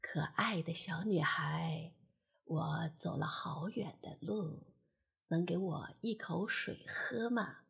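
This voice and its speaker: A woman voicing a kind, humble poor woman who asks in a low, quiet voice. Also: slow pace, creaky, breathy edge, exaggerated voice. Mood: weary. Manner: low, quiet, near whispered.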